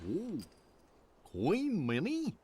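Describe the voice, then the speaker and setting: A friendly, dopey cartoon dog for a video game. The goofy drawl is slow and leaps wildly in pitch, with clear noise behind it. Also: male voice, wildly swooping pitch, heavily acted. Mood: cheerful, oblivious.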